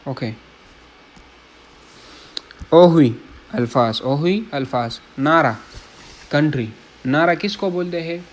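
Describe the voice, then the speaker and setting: Guy teaching a language lesson, bit high voice, says each word then repeats and explains, keeps asking if it's clear. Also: animated. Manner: reads each word aloud, repeats it, then glosses it in Urdu; keeps checking in with listeners. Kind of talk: casual classroom-style lesson.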